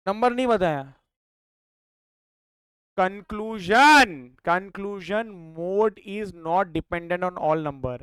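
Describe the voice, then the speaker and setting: Lively Indian man teaching maths. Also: sits high, smooth, no room sound, clean studio sound. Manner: lively, quizzes students with quick questions. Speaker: maths tutor. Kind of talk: classroom lecture.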